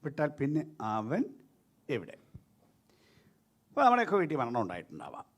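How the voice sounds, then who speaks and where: A middle-aged man, a pastor with a Malayali accent, preaching a sermon that swings between loud and soft and drops in English words. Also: medium pitch, fairly quick, slightly rough. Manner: lively preaching, rising and dropping sharply between loud and soft; mixes English words into his speech.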